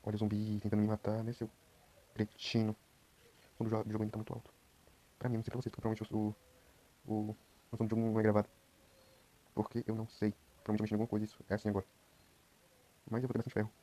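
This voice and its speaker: A Brazilian gameplay streamer with a Brazilian Portuguese accent offers casual commentary late at night. He talks fast but quietly, in a low-key monotone, and tends to ramble.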